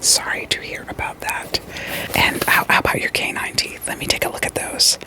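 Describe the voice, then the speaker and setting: In an ASMR roleplay, a woman plays a calm, reassuring therapist who is screening patients for werewolves. She whispers softly and breathily, mostly unvoiced yet natural-sounding, asking gentle, deliberate, probing questions.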